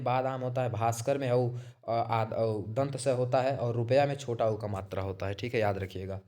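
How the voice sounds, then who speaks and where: A man's voice: mid-range voice, darkish tone. Man walking through quiz answers. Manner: repetitive, checks in with "theek hai"; restarts and self-corrections mid-word. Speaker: exam-prep teacher.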